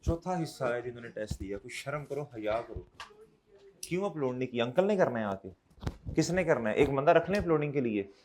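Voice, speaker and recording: A male accountancy lecturer, scolding his students and urging them to take their tests, dropping low and then rising loud. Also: animated, fast talker, noisy background. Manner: scolding, exhorting, switches between soft and loud.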